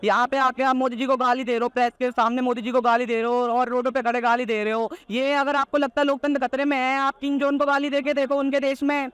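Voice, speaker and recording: A man's voice: extremely high pitch, level tone, fast, hardly any pauses, fairly bright tone, smooth, no echo. A teenage boy giving political opinions in a street interview, rattling them off all in one breath in a combative, insistent way, with repeated points and rhetorical challenges. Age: teenager, not yet of voting age.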